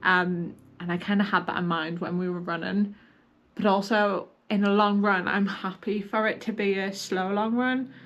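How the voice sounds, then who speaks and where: A woman's voice: mid-range voice, fairly even intonation, normal speed, fairly bright tone, muffled recording. A woman chatting informally and self-deprecatingly to camera as a running vlogger. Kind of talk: casual chat to camera.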